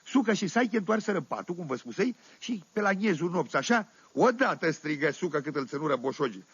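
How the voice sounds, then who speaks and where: Țăran oltean, poveste cu haz, voce cam înaltă, teatru radiofonic vechi de vinil, sunet mat. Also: male voice, on the high side, big pitch swings, a bit bright, slightly rough, no echo, heavily acted. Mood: amused, rambling. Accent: Oltenian. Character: folksy Oltenian village man telling tales. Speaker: storyteller. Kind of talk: 1970s radio comedy monologue. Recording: dull dry 1978 vinyl radio recording.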